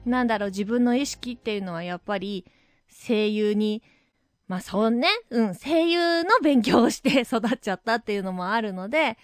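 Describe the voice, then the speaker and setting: A woman hosting her own web radio show, talking casually and reflectively, thinking aloud with soft asides. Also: on the high side, normal speed, no echo, clean studio sound. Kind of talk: casual solo radio talk. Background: background music.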